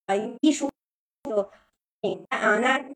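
A woman gives a live-stream lesson on English pronunciation, in a voice a little higher than usual. She explains patiently, with frequent drawn-out filler particles. She slows right down to model example sentences. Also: fairly bright tone.

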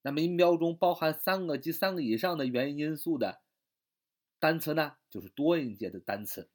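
A man with a fairly high voice walks through English grammar in Chinese, step by step, often repeating himself and drawing out his fillers.

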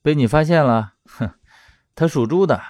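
A man's voice: a little high, animated, normal speed, darkish tone, dry recording, faint music behind, lightly acted. A man voicing a wry young sidekick in an audiobook drama, dry and mocking.

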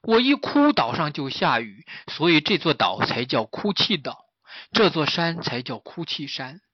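A man voicing a weepy, motherly tiger who is a mountain spirit in a storybook, speaking softly. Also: a little high, big pitch swings, a little slow, husky, no room sound, lo-fi sound, full character voice. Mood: gentle.

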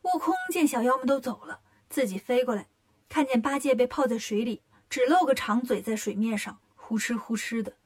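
A woman narrating a children's story in a lively, expressive way. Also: on the high side, normal speed.

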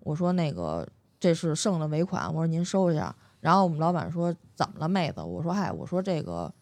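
A middle-aged woman from Beijing with a Beijing accent, a guest telling a workplace story in blunt, animated casual chat. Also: deep voice, a little fast, no echo.

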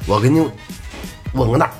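A man's voice: mid-range voice, fairly quick, loud music behind the voice. A man with a Beijing accent chatting casually and explaining things step by step in colloquial, repetitive phrases. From Beijing area, China. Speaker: podcast panelist. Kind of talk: casual chat, storytelling.

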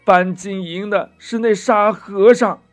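A man voicing a scheming old widow in a children's storybook reading, with a shrill, insistent accusing manner. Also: fairly even intonation, a little slow, faint music behind. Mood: spiteful. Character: scheming old widow lying to her sons.

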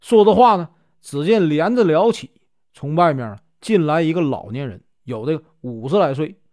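A man's voice: a little high, darkish tone. A man with a Northeastern Mandarin accent narrating a traditional tale, chatty with filler particles between phrases. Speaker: storyteller.

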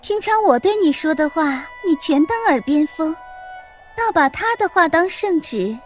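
Daiyu, a sharp-tongued teenage girl, as a man puts her on. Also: very high-pitched, expressive, moderate pace, soft background music, voice pushed up. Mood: teasing. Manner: teasing, mocking. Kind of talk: children's story reading.

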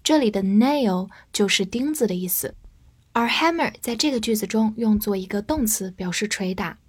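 A woman teaching English vocabulary in a scripted lesson, spelling words out and leading slow read-along drills. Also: mid-range voice, slightly rough.

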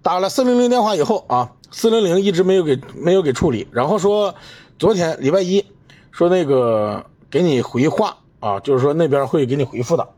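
Man, podcast host, indignant rant, rhetorical questions, slightly high voice. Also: animated, brisk, a little mellow. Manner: indignant, emphatic, addresses listener with rhetorical questions. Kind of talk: solo commentary rant.

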